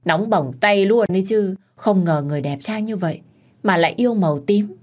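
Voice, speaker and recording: A woman's voice: mid-range voice, a little fast, a little mellow, close to an everyday voice. A woman voicing a chatty male office colleague eager to share gossip. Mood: gossipy.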